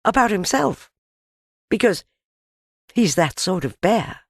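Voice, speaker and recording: Woman putting on an earnest high-pitched little boy. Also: sing-song, slow pace, slightly rough, no echo, clean studio sound, exaggerated voice. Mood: pleading, eager. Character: Christopher Robin, eager, curious, polite little boy. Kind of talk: children's storybook character reading.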